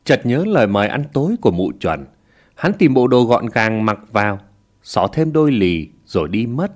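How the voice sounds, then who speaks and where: A man telling a village story with lively, expressive narration. His pitch sits in a middle register. The intonation moves animatedly from line to line. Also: moderate pace.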